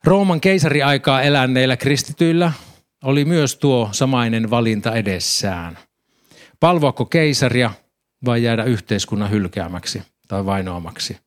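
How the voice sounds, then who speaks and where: A man preaching a sermon, calmly explaining scripture and reading passages aloud. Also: medium pitch.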